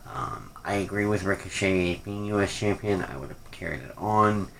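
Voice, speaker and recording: A man's voice: low-pitched, lively intonation, normal speed, gravelly, fairly bright tone, slight background noise. A man giving a casual, off-the-cuff rant review, rambling and hesitant, often trailing off, with a critical, unimpressed manner. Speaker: wrestling pay-per-view reviewer.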